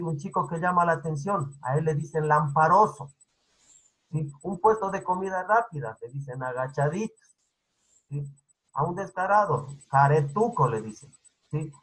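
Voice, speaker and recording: A man's voice: on the high side, animated, moderate pace, fairly bright tone, breathy edge, low-quality recording. A male teacher giving an online class over a video call. He keeps checking understanding with "¿sí?" and repeats his points. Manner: repetitive, instructive.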